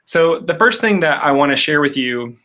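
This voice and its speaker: A man's voice: a little high, expressive, normal speed, pushed and bright. A young adult man hosting a live Q&A webinar on a video call, chatty and upbeat, telling stories with many filler uhs. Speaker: public speaking coach hosting a Q&A. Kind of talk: casual live webinar talk and storytelling. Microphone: webcam on a video call.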